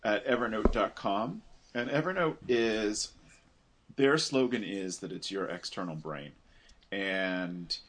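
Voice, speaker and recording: Male co-host, slightly low voice, relaxed upbeat chat. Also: slow pace, slight background noise. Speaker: podcast co-host. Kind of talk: casual chat.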